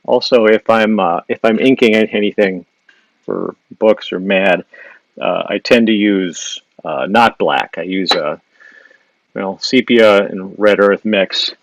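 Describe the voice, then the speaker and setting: A low-voiced Wisconsin man sketches live in a casual drawing demo on a social stream, thinking aloud with frequent fillers and restarts and reading viewer questions. He talks at a slow pace with a creaky quality. The device mic picks up no echo, but the audio is poor.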